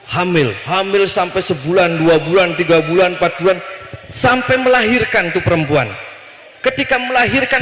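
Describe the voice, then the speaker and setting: High-voiced preacher in an echoey hall. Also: male voice. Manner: addresses the women in the audience directly, lively storytelling. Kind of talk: storytelling sermon. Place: hall at a religious gathering.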